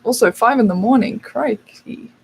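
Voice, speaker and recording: A woman's voice: on the high side, moderate pace, vocal fry, a little mellow, poor audio. British woman, young, casual stream chat, reads viewer questions, faint background hiss. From United Kingdom. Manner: chatty, reads out and answers viewer questions with fillers. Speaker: channel host.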